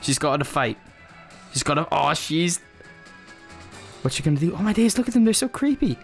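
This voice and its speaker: An excitable man talks through a video game, giggling and exclaiming as he reacts. His voice sits fairly high and leaps all over the place, while faint game music plays underneath. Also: fairly quick, gravelly. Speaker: let's play gamer. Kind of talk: excited let's play commentary.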